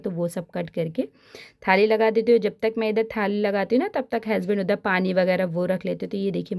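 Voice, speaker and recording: A woman's voice: mid-range voice, darkish tone. A woman in her thirties, a working mother, giving a casual, chatty voice-over of her evening chores and often turning to practical tips for the viewer. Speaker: home vlogger. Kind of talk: casual voice-over narration of a daily routine.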